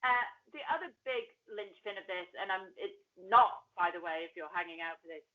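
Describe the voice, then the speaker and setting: A woman's voice: medium pitch, a little fast. A woman co-hosting a podcast in casual chat, talking freely and acting out quotes of other people. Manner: chatty, quotes people in acted-out voices. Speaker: podcast co-host. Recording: slightly dull lo-fi sound.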